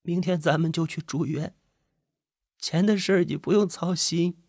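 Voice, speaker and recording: A man voicing a middle-aged wife who is worried and near tears, speaking softly and pleadingly. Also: on the high side, big pitch swings, a little fast, dry recording, studio quality, pitched above the performer's own voice. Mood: tearful.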